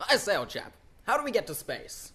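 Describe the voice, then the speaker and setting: A man playing a pompous old gentleman in a comic radio drama, speaking in exclamatory, old-fashioned phrases. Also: sits high, huge pitch swings, fairly quick, over music, exaggerated voice. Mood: blustering. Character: blustering old English gentleman filmmaker and uncle.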